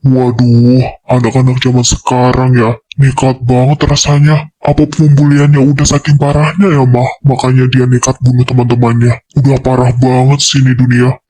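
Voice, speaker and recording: A man's voice: medium pitch, flat delivery, normal speed, dark tone, low-quality recording. A man playing a stern, scolding father in an amateur voice drama dub.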